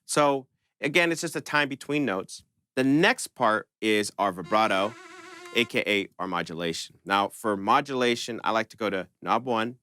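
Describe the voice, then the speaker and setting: This host's voice is on the low side, pushed and bright, recorded with no room sound. He runs a synth tutorial channel and talks informally, explaining each step of the music tutorial conversationally.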